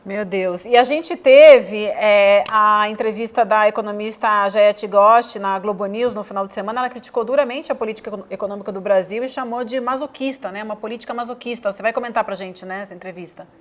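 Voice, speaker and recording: A woman's voice: medium pitch, a little fast, few pauses. Female anchor, conversational, prompts her commentators. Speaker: news anchor. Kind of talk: live news show.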